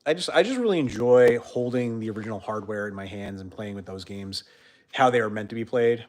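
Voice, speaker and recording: A young man hosting a casual livestream chat, rambling with many fillers and trailing off quietly at the ends of sentences. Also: on the low side, a little fast. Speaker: host.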